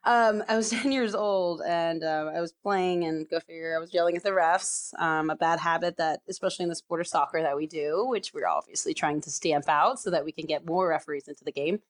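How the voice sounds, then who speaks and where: A woman in her thirties from California, a soccer referee telling her story in a relaxed podcast interview, chatty with many fillers and laughs. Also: low voice, a little fast, few pauses. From San Diego, California.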